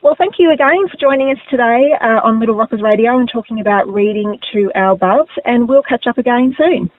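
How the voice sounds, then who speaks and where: A woman's voice: a little high, fairly quick, no room sound. A woman with an Australian accent hosting a conversational radio interview as the interviewer. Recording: narrow phone-like radio audio.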